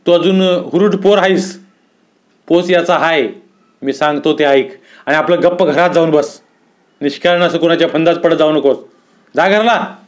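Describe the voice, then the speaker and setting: A furious old village headman, domineering and harsh, barking his scolding in a high, strained voice that climbs well above a plain speaking tone, as a man puts him on for a storybook reading. He talks down to everyone around him. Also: moderate pace, lightly acted. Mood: condescending.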